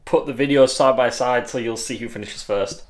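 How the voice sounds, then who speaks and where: A man's voice: medium pitch, moderate pace, slight background noise. A man talking casually to his viewers as the host of a homemade pet video. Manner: addresses viewers informally as "guys". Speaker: video host filming pets. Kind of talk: casual vlog talk to viewers.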